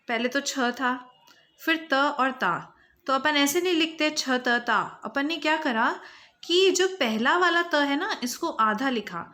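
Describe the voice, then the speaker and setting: A woman teaches young children, taking her time and breaking each word into its sounds. Her voice sits a little high and rings bright and forward. She speaks unhurriedly, like a patient schoolteacher. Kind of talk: Hindi lesson for young children.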